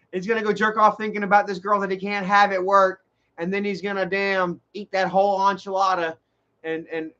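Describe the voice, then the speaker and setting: A man's voice: sits high, bright, forceful tone, dull audio. A man, rambling and swearing in a casual live stream, often restarting his sentences. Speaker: livestream host.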